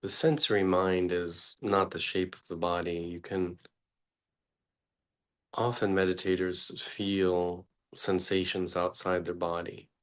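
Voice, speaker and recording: A teacher guides an unscripted meditation, his deep voice level as he speaks haltingly in short phrases separated by long pauses.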